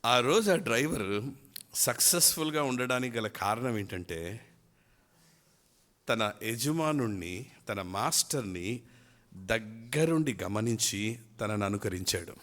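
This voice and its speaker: A man preaching a sermon at a church youth retreat, telling a story in an animated way and acting out its quotes. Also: on the low side, takes it slowly, long pauses.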